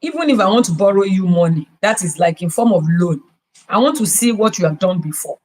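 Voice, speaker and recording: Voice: mid-range voice, animated, brisk, poor audio. A podcast host with a Nigerian accent giving business advice, emphatic and full of rhetorical questions. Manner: emphatic, repeats key words.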